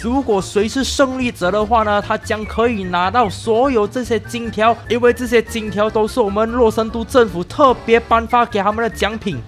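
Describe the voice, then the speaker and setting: High-voiced playful male game host. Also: normal speed, hardly any pauses, soft background music. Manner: lively, teasing, showman patter. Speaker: host of a game mod video.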